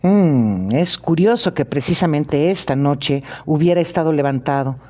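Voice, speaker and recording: A polite, sharp-minded detective asks his questions in an even, measured way, read by a man. The voice sits a little high yet sounds mellow and warm, and every detail is weighed in this audiobook reading. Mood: calm probing. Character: sharp, precise male detective, calmly probing.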